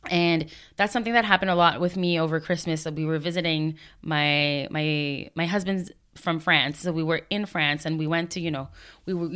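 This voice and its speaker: A woman's voice: lowish voice, fairly bright tone. A woman in her thirties hosting a solo podcast, talking in a chatty, reflective way and laughing now and then. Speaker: podcast host. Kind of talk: casual solo podcast talk.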